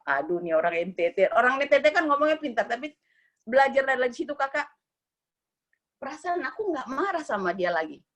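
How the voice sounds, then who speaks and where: A woman's voice: sits high, sing-song, brisk. A woman giving a casual personal testimony at a family worship service, talking in a chatty storytelling way. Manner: chatty storytelling, calls herself "kakak".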